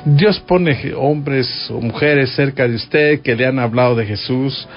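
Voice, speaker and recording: A man with a Mexican accent teaches scripture on a radio show in an easy, conversational way, often turning to the listener with questions. His voice sits at a middling pitch. The broadcast sound is a bit dull, with soft music underneath. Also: a little slow. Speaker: radio preacher.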